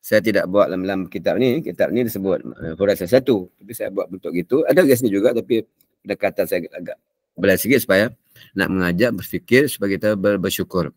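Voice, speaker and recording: A man's voice: sits low, a little fast, no echo, studio quality. Older Malaysian man coughing through a lecture. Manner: chatty and digressive, breaks into Arabic recitation. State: coughing often. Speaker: religious teacher. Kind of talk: morning religious lecture.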